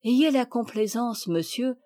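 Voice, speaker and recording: A woman reading aloud, voicing a gentle, dignified aristocratic mother who speaks tenderly and courteously. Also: a little high, lively intonation, unhurried.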